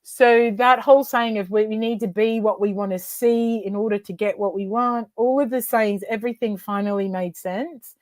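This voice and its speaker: Appearing as a guest, a coach and author speaks at normal speed in a mid-height voice, recorded dry and close to the mic. She tells her stories conversationally and with animation, acting out dialogue through big, sudden pitch leaps.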